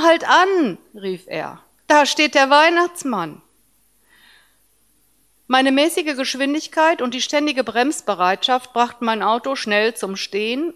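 A woman reads a first-person story aloud in a calm, even narration. Her voice sits a little higher than most women's.

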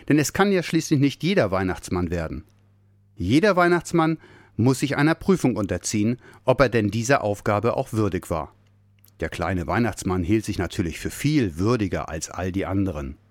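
A man reading a children's Christmas story aloud, expressive and lively. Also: medium pitch, no echo. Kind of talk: scripted narration of a children's story.

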